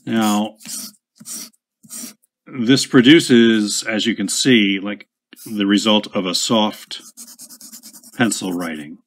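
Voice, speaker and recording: A man casually demonstrating a writing instrument at his desk, chatty and unhurried, with small asides and self-corrections. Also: lowish voice, fairly even intonation. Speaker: pen shop owner demonstrating a product.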